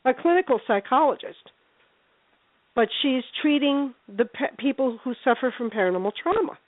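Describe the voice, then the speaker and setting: A woman's voice: high-pitched, expressive, moderate pace. A woman from New Jersey chatting and telling stories emphatically as a guest, repeating phrases for effect. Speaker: guest paranormal investigator. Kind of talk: casual storytelling chat. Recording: dry, tinny phone line.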